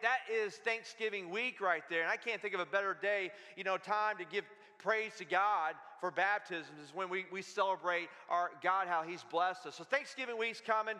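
A man preaching with a high, bright, forceful voice. He drives his sermon with energy and keeps turning to the congregation for answers. The sound rings out in a church sanctuary with a long reverb. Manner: energetic, calls out to the congregation for responses. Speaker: pastor.

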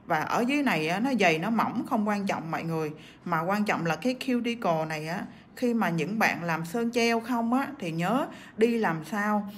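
A woman's voice: mid-range voice, animated, moderate pace, slight background noise. A woman with a cough teaching nail art on a livestream, chatting as she works and reading out viewer comments. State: sick with a cough.

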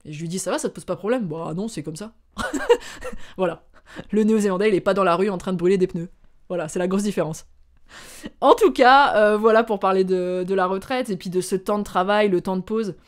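A woman from France telling a personal story to her viewers in a casual, animated way, often pausing on filler sounds. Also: medium pitch. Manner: chatty, animated, acts out dialogue; hesitant with frequent filler sounds. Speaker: vlogger.

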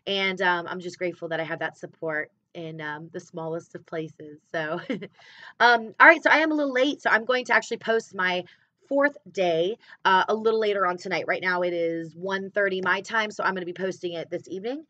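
A woman's voice: on the low side, fairly quick, sharp tone, no echo. A woman in her thirties talking candidly and emotionally in a casual personal vlog about her sales business and her kids. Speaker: clothing sales consultant. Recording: slightly dull, dry sound.

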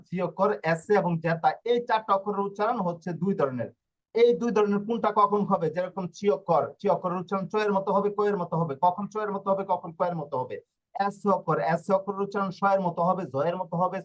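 A man's voice: high voice, poor audio. A male teacher giving an online language lesson, repeating and rephrasing his points as he goes.

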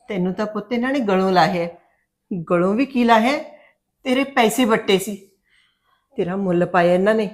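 A woman's voice: mid-range voice, natural voice. A middle-aged woman with a Punjabi accent, playing a mother who reassures her daughter in a web series drama. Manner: protective, reassuring.

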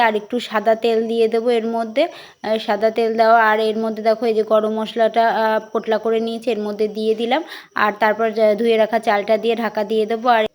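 Young woman, cooking vlog narration, quick delivery, fairly high voice, chatty step-by-step. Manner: chatty, talks viewers through each step. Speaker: vlogger.

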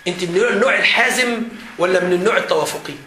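A man with an Egyptian Arabic accent leading a seminar for students as their teacher, animated and joking, often laughing as he talks. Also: sits high, rapid-fire, a crowd in the background. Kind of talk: lively seminar talk to students. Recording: echoey hall with faint background noise.

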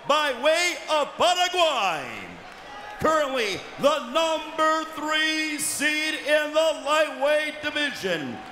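A man working as a cage announcer, bellowing theatrical fighter introductions with drawn-out names, in the showy manner of a lucha libre announcer. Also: very high voice. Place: large indoor arena, inside the cage. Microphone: handheld microphone. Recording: echoey arena PA with loud noise.

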